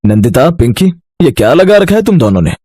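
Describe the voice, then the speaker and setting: A man's voice: mid-range voice, sing-song, brisk, dark tone. Man playing a stern, exasperated elder brother. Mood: scolding. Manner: commanding, exasperated.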